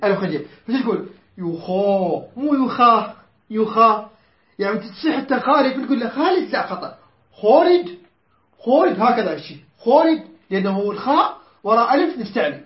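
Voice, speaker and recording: A man with a very high voice teaches Quran recitation rules. He quizzes his students, corrects how they say each word and recites verses slowly and stretched out. The recording sounds roomy and a bit dull. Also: big pitch swings. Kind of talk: tajweed lesson to students.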